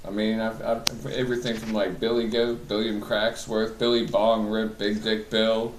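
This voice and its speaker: A man's voice: lowish voice, little pitch movement, normal speed. A man giving crude, irreverent comic answers as the guest in an improvised mock interview. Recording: echoey room, distant mic, background noise.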